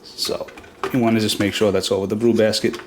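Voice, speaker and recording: Speaking briskly in a fairly low, level voice, a man stuffed up from a cold gives a casual home demonstration of a product, going step by step with fillers. Background noise comes through, and the room at home is reverberant.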